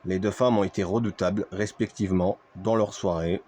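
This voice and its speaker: A man with a fairly low voice commentates a video game wrestling match. He calls it play-by-play in the manner of a wrestling commentator, punctuated by exclamations, over noticeable background noise. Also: fairly even intonation, fairly quick, dark tone.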